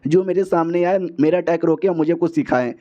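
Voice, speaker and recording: A man's voice: a little high, a little fast, lightly acted. A man doing a foul-mouthed angry female elder. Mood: furious. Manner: insulting, shouting threats. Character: hot-tempered female elder, abusive and aggressive.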